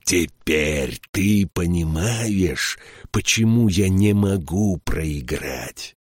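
A man reading the part of a gloating king in an audiobook, slow and drawn out. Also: low-pitched, animated, husky, no echo, studio quality, heavily acted.

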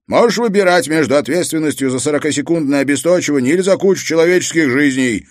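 A man's voice: a little high, quick pace, dry recording, clean studio sound, pitched above the performer's own voice, close to an everyday voice. A man voicing a tense police detective pleading urgently on the phone during a shootout. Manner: urgent, pressing. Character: tense male police detective under fire.

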